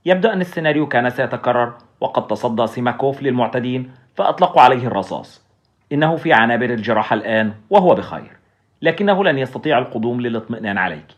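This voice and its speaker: Guy doing polite worried young doctor, calm, fast audiobook read, muffled lo-fi. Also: medium pitch, natural voice. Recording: dull lo-fi recording.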